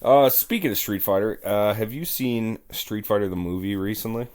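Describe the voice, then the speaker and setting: A man's voice: on the low side, moderate pace, darkish tone, slight background noise. A man co-hosting a podcast, dry and teasing in casual chat. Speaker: podcast co-host.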